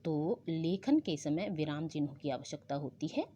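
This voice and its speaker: In a low, mellow, expressive voice at a moderate pace, a woman teaches Hindi to schoolchildren online. She's patient in her explanations and keeps checking on her pupils, all captured in a dull lo-fi recording with faint background noise.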